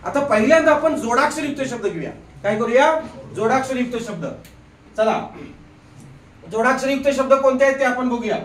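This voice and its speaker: High-voiced male teacher quizzing a classroom. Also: a bit bright, slight background noise. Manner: drills students with quick questions, repeats "बघा". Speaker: grammar teacher. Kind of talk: live classroom lesson. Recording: echoey room from a distant mic.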